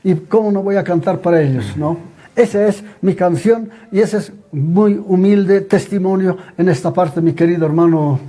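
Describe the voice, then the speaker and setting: An older man from Bolivia giving an emotional personal testimony as an interview guest, calling his listeners brothers, with a husky voice. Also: high voice, normal speed, dark tone. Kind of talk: personal storytelling.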